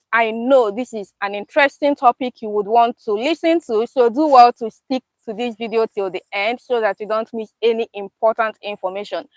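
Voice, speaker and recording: A woman's voice: a little high, fairly bright tone, no echo, poor audio. A young woman hosting a casual live-stream chat in a park, upbeat and laughing often. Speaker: YouTube host. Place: outdoors in a park.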